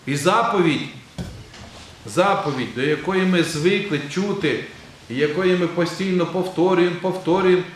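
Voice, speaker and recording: A male Orthodox bishop preaches in a fairly high voice, chatting and firing questions at his flock. His words ring through a very reverberant church, with faint ambient noise underneath. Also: normal speed. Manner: conversational preaching, quizzing the congregation. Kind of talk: sermon. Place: large church.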